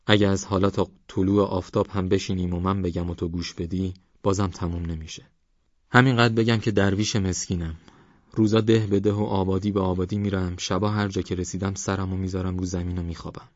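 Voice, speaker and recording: A man's voice: deep voice, little pitch movement, no echo, close to an everyday voice. A man voicing a frightened old wandering dervish, pleading in a raised, fearful voice. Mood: weary. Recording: dry, slightly dull recording.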